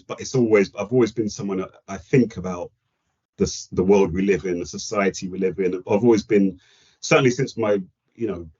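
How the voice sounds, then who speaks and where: A man's voice: fairly low pitch, a little mellow, breathy edge. A man in his forties from Kenya with a London accent, chatting reflectively as a podcast guest. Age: 40s. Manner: reflective, chatty, self-deprecating. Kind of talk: casual chat. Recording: dull lo-fi audio.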